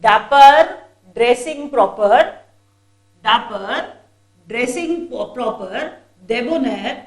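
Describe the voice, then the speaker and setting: A woman's voice: fairly high pitch, animated, takes it slowly. A woman teacher runs an exam-prep vocabulary lesson. She drills each word over and over in a patient, repetitive way and calls her students children.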